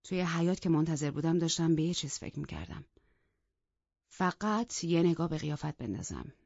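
A woman voicing a brooding, cold young man who speaks quietly and evenly, in a dull, lo-fi recording. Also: animated, gravelly, dry recording, exaggerated voice. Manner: quiet, low, measured. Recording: dull lo-fi, dry.

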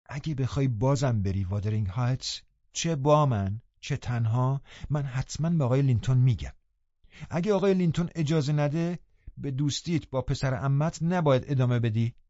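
A blunt, sharp-tongued older housekeeper, read by a man in his own dark, mellow tone, only slightly raised. She scolds firmly and speaks her mind. The recording is dry and a little dull. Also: medium pitch, no room sound, pitched above the performer's own voice, close to an everyday voice. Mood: stern. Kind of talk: audiobook character reading.

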